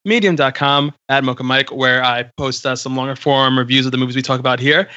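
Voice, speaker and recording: A man's voice: medium pitch, fairly even intonation, a little fast, pushed and bright, no room sound, lo-fi sound. A man chatting casually on a podcast in a wry, joking way. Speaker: podcast panelist. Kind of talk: casual chat.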